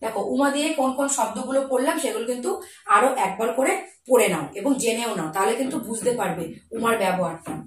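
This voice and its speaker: A woman's voice: fairly high pitch, far from the mic. Echoey woman teacher spelling words. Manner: spells words out slowly, explains each to children. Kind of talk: children's Bengali spelling lesson. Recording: echoey room, voice off-mic.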